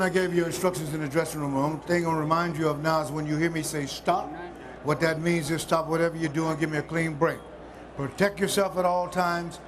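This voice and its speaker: A man as a boxing referee, giving firm, commanding pre-fight instructions. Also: a little high. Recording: noisy arena crowd behind.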